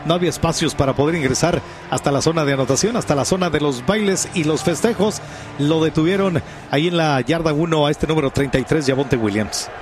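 High-pitched man calling football on the radio. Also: quick pace, noisy background. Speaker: sports commentator. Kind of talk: live American football radio commentary.

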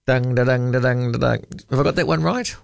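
A man's voice: mid-range voice, fairly quick, creaky, no room sound, studio quality. A man hosting a late-night talkback radio show, chatting and bantering with callers. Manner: chatty, warm-hearted banter, restarts. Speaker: radio host. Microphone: studio microphone.

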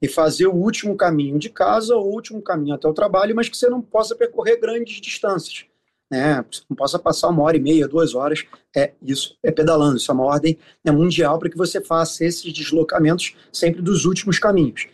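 Carioca guy, slightly high voice, explaining stuff in an interview like an official, lots of ums and stalls. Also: fast talker. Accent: Carioca Brazilian. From Rio de Janeiro, Brazil. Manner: hesitant, repeats filler sounds while searching for words. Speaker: city official being interviewed.

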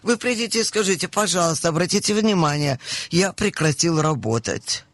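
A woman answering listeners' benefit questions on a radio call-in, brisk and direct, often cutting in. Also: fairly low pitch, animated, no room sound. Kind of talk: call-in advice.

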